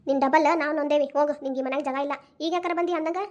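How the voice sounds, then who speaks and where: A bitter, unforgiving village mother from a homespun cartoon lectures with a North Karnataka accent, voiced by a woman. Her voice sits high and runs fast in a long, scolding tirade. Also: fairly even intonation, darkish tone, highs cut off, close to an everyday voice. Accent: North Karnataka Kannada. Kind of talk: cartoon voice acting.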